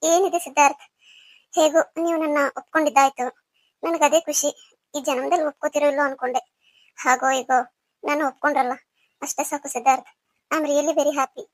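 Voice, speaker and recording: A woman's voice: high voice, fairly even intonation, a little fast, long pauses, dry recording, close to an everyday voice. A woman playing a sweetly scheming young woman. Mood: coaxing. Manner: sweet and coaxing.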